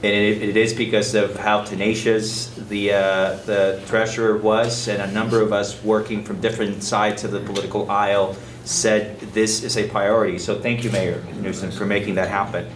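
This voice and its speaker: Lower-voiced man from Guatemala, heard from afar in a roomy hall. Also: flat delivery, normal speed, few pauses. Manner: earnest, personal, repeats words when starting phrases. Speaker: city supervisor on a panel. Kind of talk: panel discussion remarks. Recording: roomy, distant public-address sound with faint noise.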